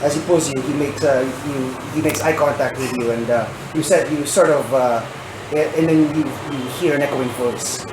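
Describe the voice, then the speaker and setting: A man running a tabletop game as game master, improvising narration in a halting, piecemeal way with many filled pauses. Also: mid-range voice. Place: indoor room shared with players. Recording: echoey room, clear background noise.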